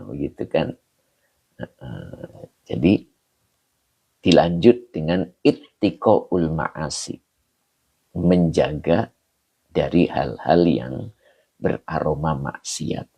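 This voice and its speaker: A man teaching an Islamic text in a livestream lesson. He explains Arabic words slowly and greets viewers by name from the comments, sounding slightly hoarse and clearing his throat now and then. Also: rumbling low, mellow.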